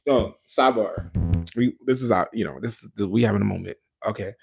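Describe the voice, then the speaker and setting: A man hosting a podcast, talking casually in a rambling, animated way with slangy asides and quoted voices. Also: lowish voice, brisk, vocal fry, husky, soft background music. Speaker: podcast host. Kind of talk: casual solo podcast chat.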